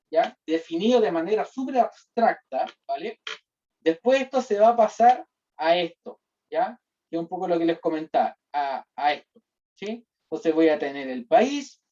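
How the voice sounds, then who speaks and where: A man's voice: sits high, mellow. A Chilean-accented man explaining a data-modeling class step by step, checking in with listeners after nearly every sentence. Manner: explanatory, with constant "¿ya?" and "¿cierto?" checks. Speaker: university lecturer. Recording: distant, dull lo-fi class recording.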